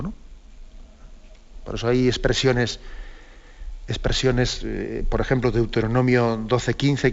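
Unhurried man teaching, lo-fi sound. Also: mid-range voice. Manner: unhurried, with many "¿no?" asides. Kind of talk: catechetical talk on a program.

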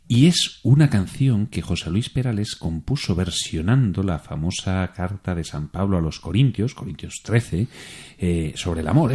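A male radio host, speaking in a very deep, dark and mellow voice. He talks gently and earnestly to his listeners. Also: slightly rough. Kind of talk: radio presenting.

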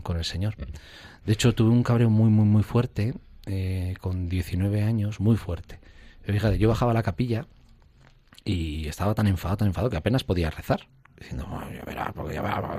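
A priest with a lowish voice, recorded with no echo, is a guest in a reflective spiritual conversation. He recounts his spiritual experiences in an interview, acting out scenes with little sound effects and voices he quotes.

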